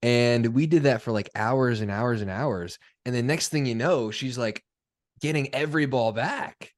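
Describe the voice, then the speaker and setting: A man's voice: medium pitch, moderate pace. A young man hosting a casual podcast chat, laid-back and chatty, laughing often. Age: young adult. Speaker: podcast host.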